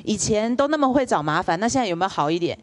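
A woman's voice: mid-range voice, racing. A woman lecturer, telling stories in a public lecture and asking the audience questions. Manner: lively storyteller, asks the audience rhetorical questions.

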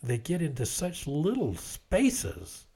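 A man's voice: fairly high pitch, huge pitch swings, takes it slowly, vocal fry, mellow, husky. An older man, a grandfather, chatting casually with his wife, laughing often and restarting sentences. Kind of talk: casual chat.

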